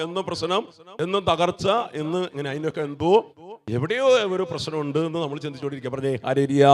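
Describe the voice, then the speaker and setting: A man preaching a sermon to a congregation, asking questions and urging them to repeat his words back. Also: fairly high pitch. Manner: exhorts the congregation to repeat after him; asks the crowd questions and prompts replies. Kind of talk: call-and-response sermon.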